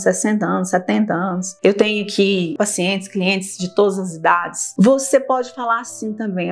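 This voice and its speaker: A middle-aged woman, a therapist, gives advice to viewers on a live stream and acts out short dialogues. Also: high voice. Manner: warm coaching tone, talks straight to viewers, acts out little dialogues.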